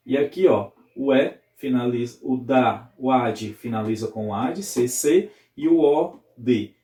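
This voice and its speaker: A man's voice: medium pitch, warm tone, reverberant. A male Brazilian literature teacher giving a recorded video lesson, explaining step by step and often checking in with his students. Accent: Brazilian Portuguese.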